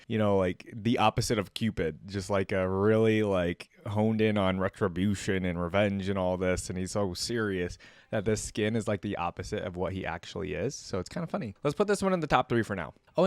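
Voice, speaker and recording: A man with a fairly low voice, recorded dry, makes a reaction video. He thinks aloud, commenting casually in informal, slangy language.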